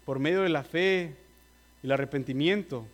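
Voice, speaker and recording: A man delivers a sermon in a notably high voice. He speaks earnestly and presses his listeners directly, with a slightly nervous edge. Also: moderate pace. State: nervous, admits trembling. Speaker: preacher.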